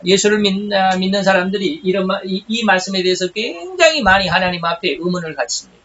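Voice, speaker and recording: A man teaching Bible doctrine in a chatty, conversational way, halting often with fillers and self-corrections. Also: sits high, a bit bright. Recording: dull lo-fi recording with faint hiss.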